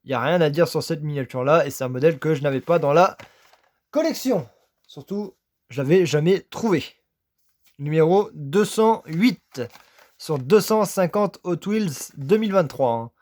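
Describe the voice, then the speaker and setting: A man from France, talking casually about his toy car finds, enthusiastic and halting, piling up "very" again and again. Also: a little high, darkish tone. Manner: enthusiastic, repeats "très" over and over, halting with many "euh". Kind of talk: casual unboxing commentary.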